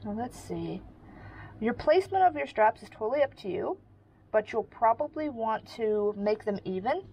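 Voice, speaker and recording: A woman's voice: on the high side, low-quality recording. A woman giving a casual sewing tutorial, explaining each step in a friendly way while she works. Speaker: sewing instructor.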